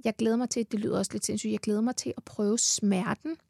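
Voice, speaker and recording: A woman's voice: medium pitch, fairly even intonation, vocal fry, dark tone, dry recording, studio quality. A heavily pregnant Danish woman chatting as a podcast guest, enthusiastic, swearing freely and laughing often. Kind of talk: casual chat. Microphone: studio mic.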